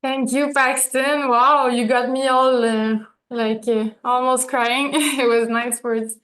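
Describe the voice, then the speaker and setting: A woman with a French accent speaks on stage after being honored. Her voice sits somewhat high. English is not her first language, so she fills pauses with "uh" and "like" and sometimes searches for the right word. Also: fairly even intonation. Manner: searches for English words, many fillers, soft laughs. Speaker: honoree giving a speech. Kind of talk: stage acceptance speech.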